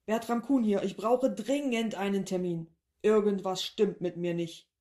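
A woman's voice: on the low side, level tone, measured pace, warm tone, close to an everyday voice. Frightened lab professor, read by a woman. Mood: urgent. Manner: unsteady, disbelieving. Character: frightened, bewildered male professor in his lab.

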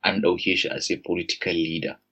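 A man's voice: low voice, little pitch movement, fairly quick, sharp tone, highs cut off. A man with a Nigerian Hausa accent talking in a casual discussion, explaining points while mixing Hausa and English.

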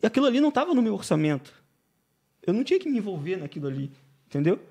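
A Brazilian-accented man with a notably high voice, talking as a podcast guest. His voice has a gravelly, fried edge. He chats and tells stories freely, and he keeps checking in with the listener. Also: big pitch swings, rapid-fire, a little mellow. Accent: Brazilian Portuguese. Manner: chatty storyteller, constantly adding "né?". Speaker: guest, painting business owner. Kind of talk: casual podcast interview.

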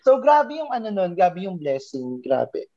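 A woman's voice: lowish voice, sing-song, measured pace, mellow, a little hiss or hum. A young woman casually telling an emotional personal story, laughing often as she shares it with a friend. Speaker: guest sharing a testimony. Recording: dull lo-fi recording.

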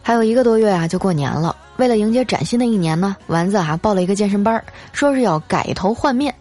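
A woman telling funny family stories in a lively, teasing, chatty manner. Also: medium pitch, fast talker, faint music behind. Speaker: storyteller. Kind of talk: comedic storytelling.

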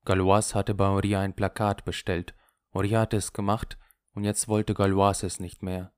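A man narrating a literary audiobook in a measured storytelling manner. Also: low-pitched, little pitch movement, darkish tone, clear, resonant tone, no room sound, clean studio sound. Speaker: audiobook reader.

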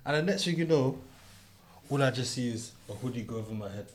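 A man's voice: medium pitch, fast. Young male, London roadman accent, casual storytelling, repeats points for emphasis, slight background noise. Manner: street slang, emphatic repetition. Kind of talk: casual anecdote telling among friends.

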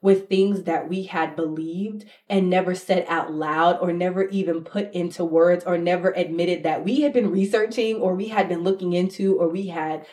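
A woman's voice: lowish voice, fairly even intonation, moderate pace, few pauses, darkish tone. A woman with a New York accent speaking casually and reflectively as a podcast co-host, stressing points by repeating words.

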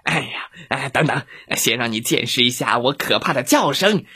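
A boastful male wolf from a children's storybook, voiced by a storyteller, gruff and bragging but quick to panic. The voice is a little husky and swings wildly up and down. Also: medium pitch, lively intonation, sharp tone, full character voice. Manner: gruff, bragging, easily flustered.

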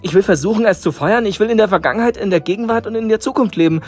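A man voicing a fearful, repentant old miser who pleads in high, rising cries. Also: very fast, darkish tone, breathy edge, faint music behind. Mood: desperate.

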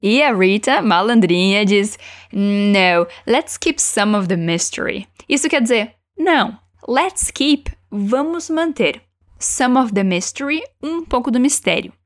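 A woman teaching English, encouraging learners and slowing down to model each phrase for them to repeat. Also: medium pitch, lively intonation. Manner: encouraging, slows down to model pronunciation. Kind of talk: language lesson with repeat-after-me drills.

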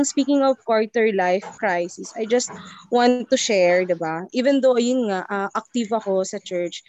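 A woman's voice: mid-range voice, a little mellow, a little hiss or hum. A woman in her twenties, a podcast guest, chatting casually and switching freely between English and Tagalog. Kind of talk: casual chat.

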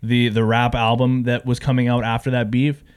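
A man's voice: medium pitch, level tone, moderate pace, darkish tone, smooth. A young man co-hosting a casual podcast chat, rambling with lots of restarts and fillers. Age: young adult. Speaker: podcast co-host.

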